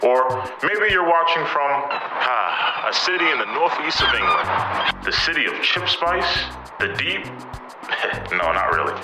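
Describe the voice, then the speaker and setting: A man's voice: on the high side, huge pitch swings, unhurried. A man with a New York accent hosting a podcast, stammering through questions and reading a playful scripted monologue. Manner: stammering restarts, "mm-hmm" backchannels. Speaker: podcast host. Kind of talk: casual interview chat and scripted monologue. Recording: echoey room with loud music behind.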